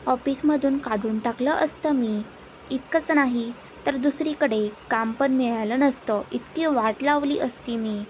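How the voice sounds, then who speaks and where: A woman's voice: high-pitched, a little mellow, a little hiss or hum, low-quality recording. A woman reading the lines of a troubled young man who speaks curtly.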